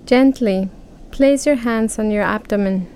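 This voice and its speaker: A woman guiding a relaxation breathing exercise, speaking calmly and counting breaths aloud with long pauses. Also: mid-range voice, slight background noise. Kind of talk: guided relaxation script.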